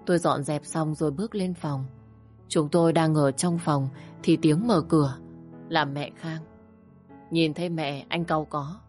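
A woman's voice: deep voice, fairly even intonation, unhurried, darkish tone, soft background music. A woman narrating a first-person audio story in a plain, sorrowful way.

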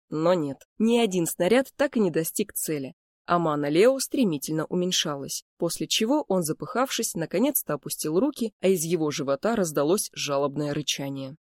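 A woman reading a first-person fantasy story aloud in a calm, even manner. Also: lowish voice, no room sound, studio quality. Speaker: audiobook reader.

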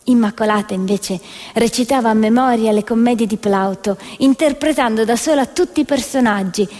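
Speaking at a moderate pace, this actress has a slightly high voice with a darkish tone. She narrates a scripted theatrical story declamatorily, recorded in an echoing hall over background music.

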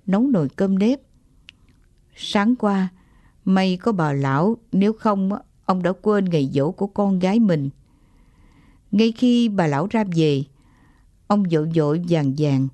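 A woman narrating an audiobook short story in a calm, measured way. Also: fairly low pitch, dry recording.

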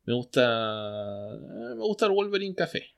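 A man's voice: medium pitch, sing-song, a little slow, vocal fry, smooth. A man with a mid-range voice co-hosts a casual podcast. He reads out listener questions and slips in dry jokes along the way. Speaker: podcast co-host. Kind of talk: casual chat.

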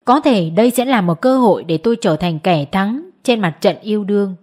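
A woman narrating a first-person audiobook story in an expressive storytelling manner. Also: medium pitch, normal speed.

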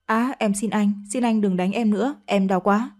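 A woman's voice: medium pitch, normal speed, darkish tone, close to an everyday voice. A woman voicing a scheming middle-aged woman in an audio story, whining and pleading.

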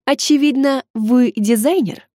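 A woman's voice: mid-range voice, lively intonation, fairly quick, darkish tone, no room sound, studio quality, close to an everyday voice. A woman reading an audiobook, playing a haughty, elegant middle-aged shop owner with cold, restrained anger. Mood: icy. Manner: coldly restrained, angry.

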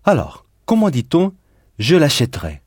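A man's voice: on the high side, huge pitch swings, normal speed, husky, no echo, clean studio sound. A man teaching a recorded language lesson, patiently explaining and stressing word endings as he goes. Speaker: Spanish teacher.

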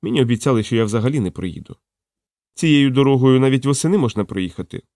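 A man narrating an audiobook in an expressive, animated reading, voicing the dialogue himself. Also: mid-range voice, fast talker, dry recording. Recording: dry close studio sound.

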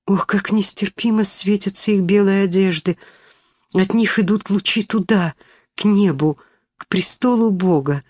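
A woman's voice: medium pitch, no room sound, natural voice. A woman reading as a frail dying boy. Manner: soft, weak, hushed speech. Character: frail dying young boy, gentle, yearning.

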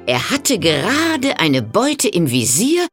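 A woman narrating a fairy tale in a calm, expressive storytelling voice. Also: medium pitch, takes it slowly, loud music behind the voice.

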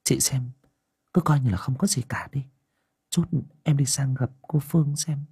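A man voicing a worried younger village woman who talks in a hushed, confiding way. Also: medium pitch, level tone, gravelly, husky, no room sound, studio quality, voice pushed up. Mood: soothing. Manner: hushed, rushing whisper, anxious.

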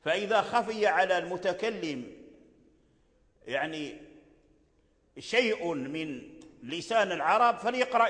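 A man's voice: sits high, fairly bright tone. An older man from Morocco teaching Quran recitation rules. He explains patiently, repeats key phrases and chants short examples. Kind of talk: religious lesson on tajweed. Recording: long hall reverb.

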